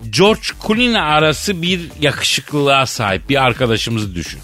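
A man's voice: medium pitch, sing-song, unhurried, music in the background. A man hosting a comic radio show, playful and theatrical, drawing out words for effect.

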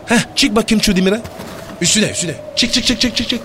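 Man playing a cheeky high-voiced young street hustler. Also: a little fast, close to an everyday voice. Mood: coaxing. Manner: slangy, wheedling. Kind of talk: comic radio play acting. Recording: noisy background with rumble.

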